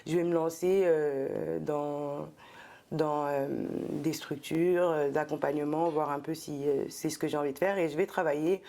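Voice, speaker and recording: A middle-aged woman from France tells her story in an interview with a low, gravelly voice. She speaks thoughtfully, pausing often and filling the gaps with hesitations. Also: fairly even intonation, dark tone. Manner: thoughtful, many hesitations and fillers. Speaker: guest, entrepreneur and former specialized educator. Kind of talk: casual interview talk.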